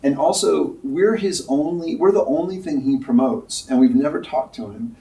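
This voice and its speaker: A man, a company executive, eagerly introducing a guest in casual chat, talking fast and repeating words as he goes. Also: a little high, creaky, mellow. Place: Ledger's Paris headquarters. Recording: roomy, distant.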